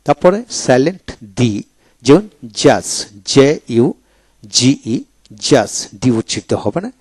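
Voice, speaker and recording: A man teaching English pronunciation in a video lecture, spelling each word letter by letter and then repeating it slowly. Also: medium pitch, expressive, a little mellow, breathy edge, no room sound.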